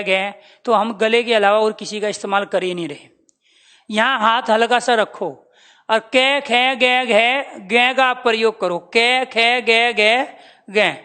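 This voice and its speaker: A man's voice: extremely high pitch, sharp tone. A man teaching a lesson to students, calling them dear children and drilling the sounds by repeating them. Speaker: Hindi teacher. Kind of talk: classroom lecture.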